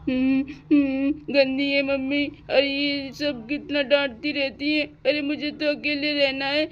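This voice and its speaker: A woman's voice: sits high, level tone, unhurried, dull audio. A woman voicing a stubborn, sulky young girl in a doll-house cartoon story, with a whiny tone. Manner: whiny, petulant.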